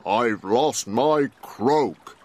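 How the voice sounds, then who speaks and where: A man voicing a gentle male frog in a children's story, speaking in a slow, drawn-out way. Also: mid-range voice. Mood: glum.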